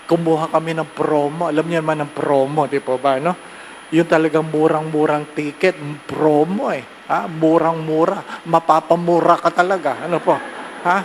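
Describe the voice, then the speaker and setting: Joking Filipino priest preaching at Mass. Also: male voice, a little high, a little hiss or hum. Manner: joking, conversational, constant tag questions. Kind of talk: sermon. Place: church during Mass.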